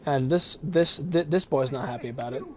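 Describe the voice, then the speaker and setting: A man streaming a video game, giving casual, rambling commentary full of fillers and quick chuckles. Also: medium pitch, a little hiss or hum. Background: game music.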